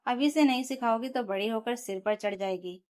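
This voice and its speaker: A woman voicing a harsh, unrepentant sister-in-law in a storybook narration, with dismissive, sharp retorts. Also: fairly high pitch, moderate pace, close to an everyday voice. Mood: scornful.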